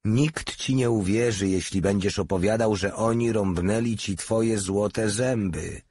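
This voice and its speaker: A man's voice: fairly low pitch, a little slow, darkish tone, slightly rough, no room sound, voice pushed up. A man voicing a gleeful laughing soldier. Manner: gleeful, amused.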